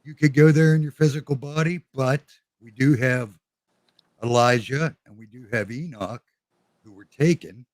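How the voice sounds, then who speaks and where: A man co-hosting a casual faith discussion, giving his views in an easygoing, measured way. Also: mid-range voice, no echo. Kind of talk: casual discussion on a live stream.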